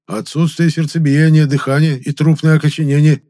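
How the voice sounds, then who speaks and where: Doctor, male, flustered and insistent, high and loud; male reader. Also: flat delivery, a little fast, natural voice.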